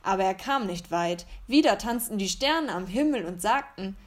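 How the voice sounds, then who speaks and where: A woman reading a children's bedtime story aloud in a calm, measured way. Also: medium pitch.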